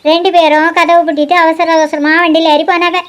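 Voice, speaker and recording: A woman's voice: very high-pitched, little pitch movement, brisk. A woman voicing a nosy, gossiping old village grandmother in a cartoon. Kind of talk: cartoon voice acting.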